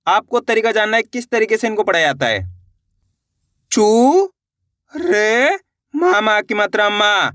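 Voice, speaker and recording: A man teaching children to read, sounding out each letter slowly and then repeating the whole word. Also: high voice, sharp tone, dry recording, clean studio sound. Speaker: Hindi reading teacher. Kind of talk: patient spoken lesson.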